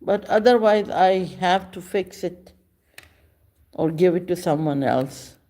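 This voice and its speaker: A woman, chatting casually with viewers on a livestream in slow, halting speech with many pauses. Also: lowish voice, dark tone. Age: 50s. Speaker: livestream host. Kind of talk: casual live chat with viewers.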